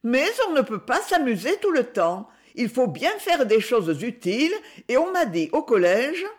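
An eager, cheerful young schoolboy, put on by a woman reading an audiobook, speaks in a high, bouncing voice. His lines swing up and down with earnest excitement. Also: normal speed. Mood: protesting. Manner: bright, pleading, enthusiastic.

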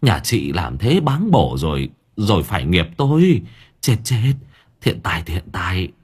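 A man voicing a fretful Buddhist monk who mutters low and stammers as he speaks. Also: big pitch swings, measured pace, darkish tone, breathy edge, exaggerated voice. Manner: low muttering, stammers, clicks his tongue.

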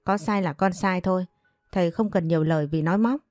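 A woman voicing a stubborn, calm young man of twenty who answers his father firmly. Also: fairly low pitch, a little fast, no echo, clean studio sound, faint music behind, natural voice. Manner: calm, firm.

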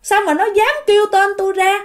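A woman with a Southern Vietnamese accent voicing a hot-tempered older man who scolds loudly. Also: very high-pitched, little pitch movement, brisk, pitched above the performer's own voice. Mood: angry. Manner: angry, scolding.

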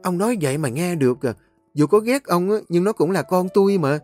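A man's voice: high-pitched, expressive, fairly quick, a little mellow, faint music behind, pitched above the performer's own voice. A man voicing a pleading anxious mother. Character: worried pleading mother, middle-aged woman.

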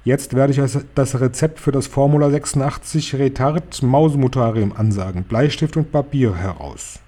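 A man's voice: medium pitch, moderate pace, mellow, lightly acted. A man voicing a domineering, scornful female head witch who lectures with commanding authority in an audiobook reading.

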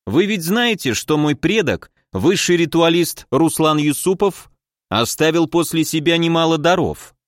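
Man doing a calm, careful teenage heir. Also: on the high side, no echo, clean studio sound, voice pushed up. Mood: measured. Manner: measured, politely calm. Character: careful, calm sixteen-year-old boy heir.

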